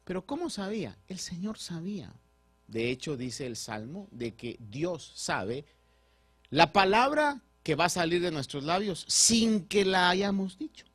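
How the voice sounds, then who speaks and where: A man preaching a sermon as pastor, swinging between loud and soft and putting rhetorical questions to the congregation. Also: high-pitched, very animated, unhurried.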